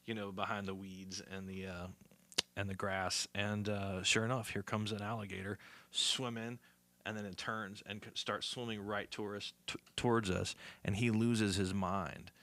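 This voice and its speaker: A man's voice: lowish voice, little pitch movement, moderate pace, pushed and bright. A male musician from the southern United States, telling rambling stories with lots of fillers. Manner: rambling, many fillers, acts out voices. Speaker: musician guest. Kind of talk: casual storytelling.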